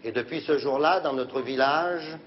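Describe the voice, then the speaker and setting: A man telling a comic story slowly and deliberately. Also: medium pitch, highs cut off, slight background noise.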